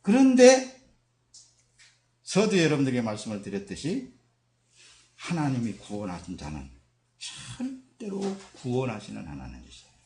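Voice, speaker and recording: Male pastor, emphatic sermon, lively swooping delivery, roomy church sound. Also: medium pitch, moderate pace, pauses often. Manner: emphatic preaching with dramatic quoted voices. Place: church sanctuary. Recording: echoey church hall.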